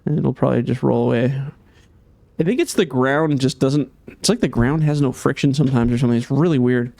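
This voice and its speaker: A man's voice: mid-range voice, brisk, vocal fry, dark tone, dry recording. Chatty man thinking aloud over gameplay. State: slightly hoarse. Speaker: game modder. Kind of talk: casual gameplay commentary.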